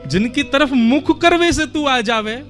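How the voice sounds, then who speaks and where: A man's voice: very high voice, animated, a little slow, fairly bright tone, faint music behind, pitched above the performer's own voice, full character voice. A man voicing an old devout holy man with a Braj accent, speaking in a homely, fatherly way. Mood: fervent.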